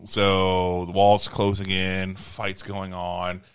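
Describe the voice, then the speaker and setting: A man's voice: deep voice, monotone, slow, smooth, dry recording. A man co-hosting a podcast, casually retelling a film's plot with lots of swearing. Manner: profane, rambling plot retelling. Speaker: podcast co-host. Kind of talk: casual movie recap chat.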